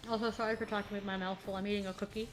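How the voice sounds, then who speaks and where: A woman's voice: medium pitch, level tone, rapid-fire, faint music behind. A woman streaming a video game, chatting casually and rambling as she plays, often breaking into laughter. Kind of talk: casual gaming commentary.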